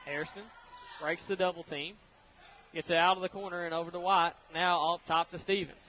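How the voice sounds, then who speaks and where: A man doing brisk, energetic radio play-by-play of a basketball game, chuckling easily between calls. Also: high-pitched, slight background noise, rough recording. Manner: brisk, energetic call of the action with easy chuckles. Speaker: play-by-play announcer.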